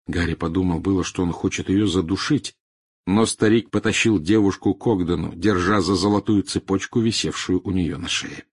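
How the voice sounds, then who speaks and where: Male storyteller for an audiobook, low and husky, steady delivery. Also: normal speed. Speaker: audiobook narrator. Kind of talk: scripted narration.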